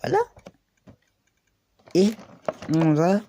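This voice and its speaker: A man's voice: on the high side, very slow, dark tone, a little hiss or hum. A male YouTuber casually presenting collectible figures, rambling and drifting off topic with many restarts. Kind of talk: casual unboxing vlog.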